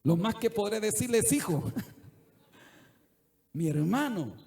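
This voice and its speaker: A man's voice: high-pitched, expressive, takes it slowly, vocal fry, a little mellow. A middle-aged male pastor preaching a sermon earnestly, at times rising to fervent exhortation. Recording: echoey church room.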